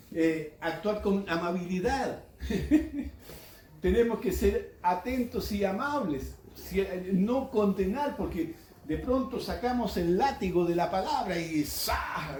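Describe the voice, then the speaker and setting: A man's voice: sits high, darkish tone, reverberant, a little hiss or hum, rough recording. A man preaching a sermon to his congregation in a folksy way, mixing jokes into the message and speaking straight to his listeners. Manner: folksy, joking, addresses the congregation directly. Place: church congregation.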